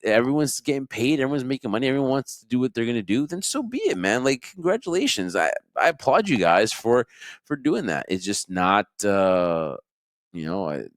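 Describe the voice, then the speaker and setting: A man co-hosting a podcast, chatting casually about wrestling in a rambling, animated way. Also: medium pitch, brisk, dry recording, studio quality. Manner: animated, rambling, laughs often. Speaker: podcast co-host.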